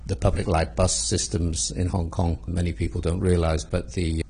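An Englishman in his sixties who used to be a police commander answers interview questions in a measured manner, with dry, understated humour. His voice is low-pitched and flat, slightly mellow and husky.

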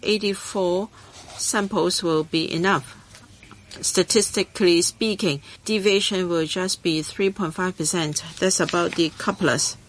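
A woman's voice heard as a live interpreter, turning an official's remarks into English as he speaks. She sits somewhat low in pitch and moves in halting phrases, filling gaps with "uh" while she waits for the next words. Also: steady tone, slight background noise, rough recording. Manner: halting, pausing with "uh" between phrases. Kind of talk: simultaneous interpretation at a hearing.

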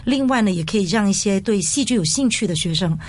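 A woman's voice: medium pitch, lively intonation, fast, darkish tone, dry recording. Woman with Mandarin. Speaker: school department head, guest. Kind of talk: semi-formal interview answer.

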